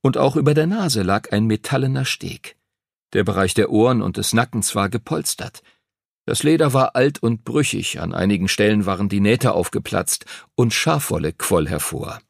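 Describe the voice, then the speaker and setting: Man, audiobook narration, husky gravelly voice, lively intonation, dry close sound. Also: lowish voice, dry recording. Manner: expressive storytelling.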